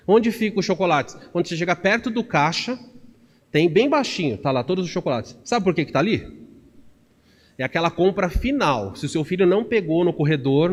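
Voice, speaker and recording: Animated preacher in a reverberant church. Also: male voice, a little high. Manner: animated storytelling, acting out quoted voices. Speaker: pastor. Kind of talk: sermon.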